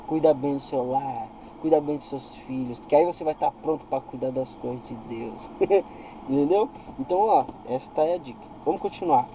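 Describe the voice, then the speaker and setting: A male preacher with a Brazilian Portuguese accent gives informal Bible teaching, reading verses aloud with rising emphasis and often asking whether you understand. His voice is medium-pitched and dark in tone, at a moderate pace. The recording is muffled, with a little hiss or hum.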